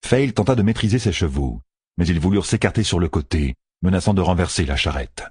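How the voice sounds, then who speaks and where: Deep, husky male audiobook narrator. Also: fairly quick, no room sound, clean studio sound. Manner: expressive, dramatic storytelling. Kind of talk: scripted fantasy narration.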